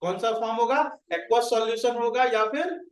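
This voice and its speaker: A man's voice: very high-pitched, a little fast. A man with an Indian accent teaching a science class, questioning students and calling on them by name. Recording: roomy classroom audio from a distance.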